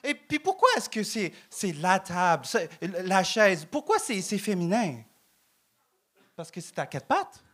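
High-voiced Vietnamese-accented man doing stand-up. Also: big pitch swings, fairly bright tone, slightly rough. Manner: halting broken French, tags lines with "hein?". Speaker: stand-up comedian. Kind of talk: stand-up comedy set. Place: live comedy club stage. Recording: noisy live club recording.

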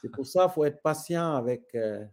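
A man's voice: a little high, animated, normal speed, a little mellow. A middle-aged man from Senegal with a Senegalese French accent, a guest speaking thoughtfully and with conviction, telling parables. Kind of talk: reflective conversation.

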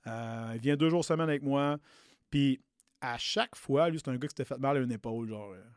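A man's voice: medium pitch, brisk, a little mellow, clear, resonant tone, no echo, clean studio sound. A man in his late thirties with a Québécois accent, a personal trainer telling a story in a loose, chatty way, slipping English slang into his talk. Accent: Québécois French. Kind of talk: casual storytelling podcast.

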